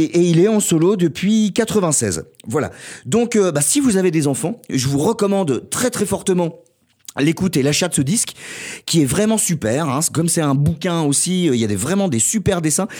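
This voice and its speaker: A man presenting records on the radio in a relaxed, jokey way, often hesitating. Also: fairly high pitch. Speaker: radio host. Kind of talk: casual radio music presentation.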